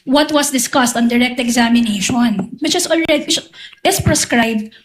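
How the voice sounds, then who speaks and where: A woman's voice: fairly high pitch, normal speed, a little hiss or hum, low-quality recording. A woman with a Filipino accent arguing formally as a defense lawyer, insistently raising objections and restating her points. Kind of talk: formal legal argument.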